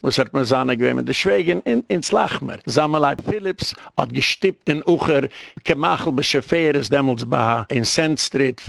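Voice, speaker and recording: Gravelly, indignant rabbi lecturing. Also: male voice, no echo. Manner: rambling, indignant, with sharp pitch jumps for emphasis. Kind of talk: heated lecture.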